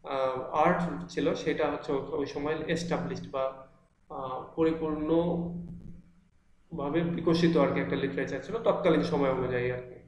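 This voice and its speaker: A man's voice: on the high side, fairly even intonation, measured pace, darkish tone, a little hiss or hum. A male teacher giving an online class from an empty room that echoes, explaining patiently with frequent fillers and restarts. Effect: echo from an empty room. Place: large, mostly empty room.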